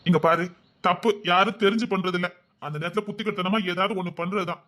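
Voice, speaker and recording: An actor playing a devoted husband who gently and insistently coaxes his wife, repeating himself as he pleads. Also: sits high, steady tone, fast. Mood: pleading. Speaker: husband in a drama series. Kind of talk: emotional drama acting.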